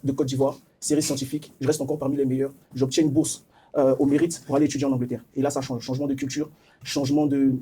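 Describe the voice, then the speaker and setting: A man's voice: medium pitch, little pitch movement, fast talker, warm tone, slightly rough. A man in his twenties from Ivory Coast, confidently presenting himself as a candidate in a job interview. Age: 20s.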